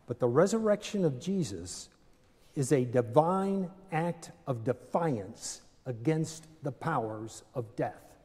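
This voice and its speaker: An older man preaching a sermon from a pulpit in a large stone church, measured and deliberate with dramatic pauses. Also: mid-range voice, animated, a little mellow, slightly rough. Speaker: pastor. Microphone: pulpit microphone, far camera. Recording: long church reverb.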